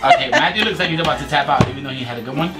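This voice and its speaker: A man's voice: a little high, rapid-fire. A man in his thirties chatting casually as he hosts a family challenge, playful and encouraging. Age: 30s. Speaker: father hosting a family challenge. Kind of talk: casual chat, explaining and cheering on the game. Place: small indoor playroom, seated at a table. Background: music.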